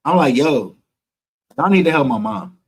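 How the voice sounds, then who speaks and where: A man's voice: mid-range voice, expressive, normal speed, slightly rough. A man vlogging a personal story to viewers, candid and emotional, swearing freely.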